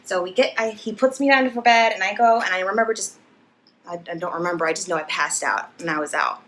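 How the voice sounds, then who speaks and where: A young woman vlogger telling an embarrassing story to camera, animated and laughing as she acts it out. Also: medium pitch, quick pace.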